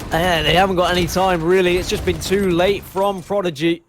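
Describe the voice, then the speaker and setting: A man doing lively play-by-play commentary on an esports match, bantering jokingly with his co-caster over a headset mic. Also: sits high, fairly quick, slight background noise. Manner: animated, jokey banter.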